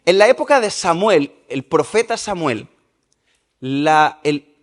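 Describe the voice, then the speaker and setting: A man preaching a sermon at a church service, lively and questioning the congregation. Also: on the high side, takes it slowly. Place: church service in a large hall. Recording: reverberant church hall.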